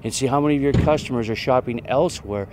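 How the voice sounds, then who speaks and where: A man's voice: mid-range voice, fast talker, background noise. A man in a promotional interview, talking earnestly and persuasively.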